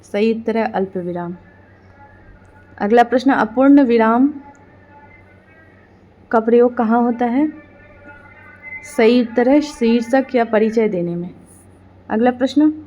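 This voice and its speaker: A woman with a fairly high voice hosts an exam-prep quiz, reading out each question followed by its answer in a steady, formulaic way. The audio sounds dull.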